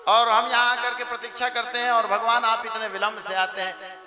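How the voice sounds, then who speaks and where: A man's voice: very high-pitched, little pitch movement, moderate pace. A man voicing Radha, a young goddess who is hurt and sulking, with a complaining, reproachful tone during a devotional sermon. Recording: music playing behind the voice.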